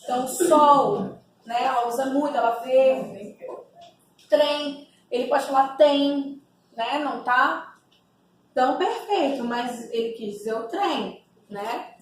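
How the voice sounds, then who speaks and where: A woman's voice: high-pitched, slow pace. A woman training a group, explaining step by step with frequent tag questions and sounding out example words herself. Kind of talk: teaching a training session. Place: echoey room. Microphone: distant mic. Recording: echoey room, distant mic, faint noise.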